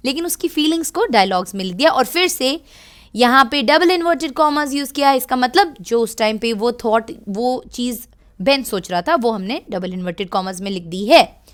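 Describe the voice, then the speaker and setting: A woman's voice: a little high, animated, normal speed. A woman with an Indian English accent teaching a children's reading lesson, patiently explaining as she switches between Hindi and English.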